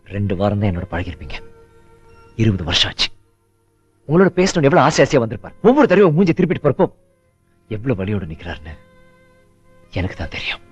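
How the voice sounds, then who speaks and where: An earnest, husky young grandson. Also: male voice, on the low side, big pitch swings, fast, long pauses, highs cut off. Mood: reproachful. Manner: coaxing, emotional. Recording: film audio with music.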